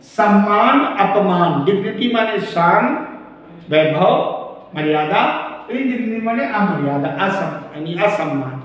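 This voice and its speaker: Guy teaching vocab, kinda high voice, spells stuff out slow, big echoey hall, mic far away. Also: fairly bright tone. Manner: slow, deliberate, spells words letter by letter. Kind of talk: classroom vocabulary lesson.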